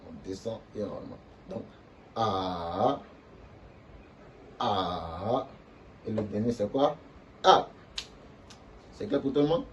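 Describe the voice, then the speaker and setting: Low, mellow man teaching a lesson. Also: fast, hardly any pauses, dull audio, a little hiss or hum. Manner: demonstrates tones by drawing out syllables. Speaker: language teacher. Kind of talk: explaining lesson to viewers.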